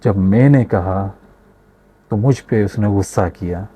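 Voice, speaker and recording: A male storyteller voicing a stubborn young boy who insists and gets scared easily, in a husky, mellow voice. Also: lowish voice, measured pace. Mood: upset. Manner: insistent, pleading.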